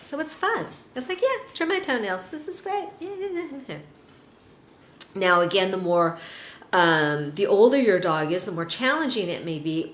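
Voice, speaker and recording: A middle-aged woman teaching dog owners in a chatty, upbeat way, now and then acting out her pets' reactions. Her voice carries a roomy echo with a faint hiss behind it. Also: mid-range voice. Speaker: dog trainer. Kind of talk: instructional talk to dog owners.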